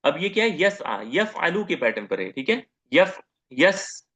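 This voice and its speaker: A man giving a grammar lecture as teacher, posing questions to the class, answering them himself and repeating each term slowly. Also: fairly high pitch, sing-song, fairly bright tone. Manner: asks questions and answers them himself, repeats terms, says "okay" often.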